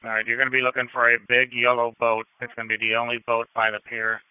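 A man's voice: medium pitch, monotone, fast, clear, resonant tone. A man dispatching fire units in terse, procedural radio phrases. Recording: thin, phone-like radio channel.

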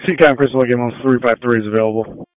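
A man calls in on an ambulance radio, talking quickly in short procedural reports. His mid-pitched voice comes through a narrow, tinny two-way radio channel. He sounds like crew reporting in to dispatch. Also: fairly even intonation, no echo.

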